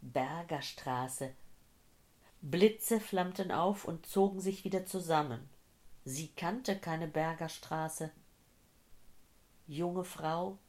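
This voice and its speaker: A woman reading a tense thriller as an audiobook narrator, measured and steady. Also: deep voice. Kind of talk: scripted narration.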